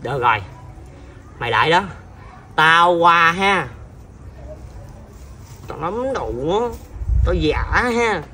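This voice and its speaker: An adult playing a hot-tempered older relative who scolds a child loudly with exasperated exclamations, with a Southern Vietnamese accent. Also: mid-range voice, lively intonation, quick pace, husky. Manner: loud exasperated scolding, repeated sighing exclamations.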